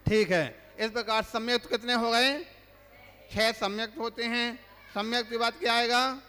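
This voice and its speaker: With measured pacing and fairly even intonation, this male monk's very high voice sounds bright and forceful. His religious lesson takes the form of a quiz, posing questions before reciting the lists on his own, all inside a long, reverberant hall.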